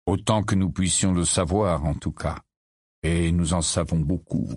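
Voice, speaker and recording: A brooding, bitter man from a spoken storybook, as a male reader plays him — low, hushed and unhurried. The voice has a husky edge. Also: steady tone, no echo, studio quality. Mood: calm. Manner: low, quiet and slow.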